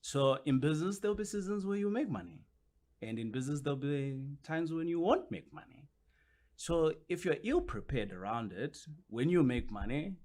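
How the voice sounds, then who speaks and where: A man's voice: fairly high pitch, darkish tone. A man, a guest on a podcast interview, explaining his points at length and often circling back with "which basically means".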